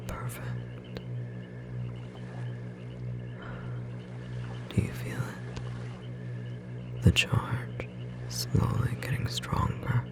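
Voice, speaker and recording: Here the magical bookstore clerk comes through in a deep, exaggerated voice, still a soft, breathy, slightly rough whisper broken by long pauses. The performer keeps the intimate ASMR romance tender and devoted, with a gentle, reassuring mood.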